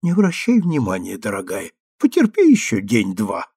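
A man voicing a timid, gentle young clerk who has just become a father. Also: lowish voice, huge pitch swings, normal speed, creaky, breathy edge, no echo, studio quality, exaggerated voice. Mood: tender.

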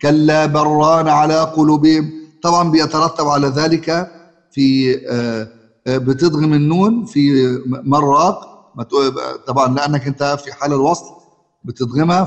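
A man's voice: medium pitch, muffled recording. A man with an Egyptian accent teaching Quran recitation rules, often asking his students questions and repeating himself. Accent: Egyptian Arabic. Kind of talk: colloquial Egyptian Arabic lesson. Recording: long hall reverb.

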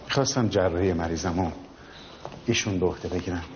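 A man playing an earnest, pleading gentleman. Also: low-pitched, lightly acted. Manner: polite, pleading. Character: earnest middle-aged man pleading for help. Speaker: man seeking a surgeon for his patient. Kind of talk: dubbed film dialogue. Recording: dull film soundtrack with noise.

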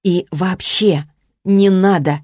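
A woman's voice: fairly low pitch, takes it slowly, a little mellow, dry recording, studio quality. A woman voicing a flustered, hot-tempered young heroine who exclaims in protest. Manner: exclaiming, raised.

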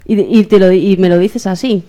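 A woman's voice: medium pitch, fairly even intonation, normal speed, warm tone. A woman hosting a casual community radio chat, teasing her guests. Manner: teasing, laughs often. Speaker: radio host. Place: radio studio.

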